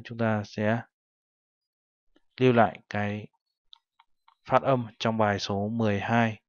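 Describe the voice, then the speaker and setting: A man's voice: on the low side, dry recording. A male teacher patiently explaining a textbook lesson and translating each phrase step by step. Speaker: Korean language teacher. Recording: dull lo-fi recording.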